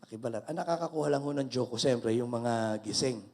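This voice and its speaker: An older male pastor preaching an animated sermon, mixing Tagalog and English and calling out to his congregation. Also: mid-range voice, brisk.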